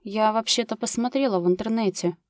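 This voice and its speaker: A woman reading the part of an anxious, overworked young woman who talks in a tense, agitated way and flares up easily, pitched above her narrating voice, in a dry recording of an audiobook. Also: fairly quick, dry recording, natural voice.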